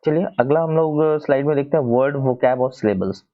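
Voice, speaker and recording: A man teaching English grammar from slides in Hindi, with a Hindi accent. He explains step by step, often checking in with "है ना" and spelling words out slowly. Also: medium pitch, phone-quality sound.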